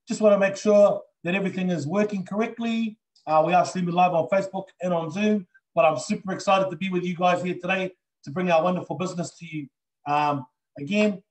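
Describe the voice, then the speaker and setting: Indoors against a green backdrop, a middle-aged man with a New Zealand accent presents his business live on a video call, earnestly and enthusiastically, with plenty of fillers. It's an online sales presentation, and his high voice comes through on a low-quality recording.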